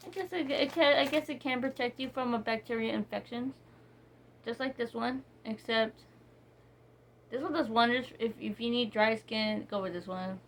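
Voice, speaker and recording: A woman casually reviewing bar soaps, reading ingredients slowly and rambling with many fillers and restarts. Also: on the high side, a little hiss or hum. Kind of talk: casual product review chat.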